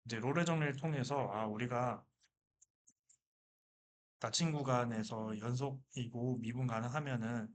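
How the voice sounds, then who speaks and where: A man's voice: medium pitch, measured pace, pauses often. A man teaching a math lecture who keeps asking questions and answering them himself. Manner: lively, asks and answers his own questions.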